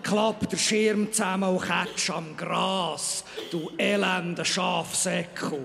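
A scornful, self-important archangel, as a man acts him out on stage, declaims in a Bernese Swiss German accent at a drawn-out, ceremonious pace. His live spoken-word performance rings out in a hall with a long reverb. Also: on the low side, heavily acted. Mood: raging. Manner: slow, solemn proclamations that turn into shouted insults. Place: stage in front of a live audience.

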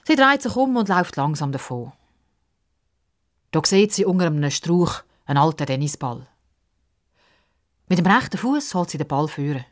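A woman reading a children's story calmly. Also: sits low, moderate pace, long pauses.

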